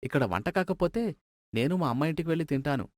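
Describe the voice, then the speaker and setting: Woman doing a gruff young husband. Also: deep voice, expressive, fast talker, darkish tone, no echo, clean studio sound, voice pushed down. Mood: mock-angry. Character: young village husband, feigning anger.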